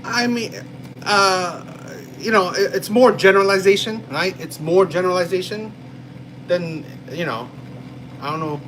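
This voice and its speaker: A man's voice: high voice, a little slow, fairly bright tone, slight background noise, poor audio. A man from New Jersey hosting a casual live stream and chatting with viewers, rambling with lots of "right?" and "you know". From New Jersey, USA. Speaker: live-stream host reading chat.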